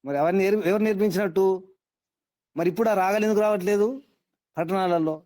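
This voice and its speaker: A man's voice: sits high, steady tone, fast talker, a little mellow, dry recording. A man teaching a scripture class, quizzing his students and repeating his points for emphasis. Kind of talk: interactive class lecture.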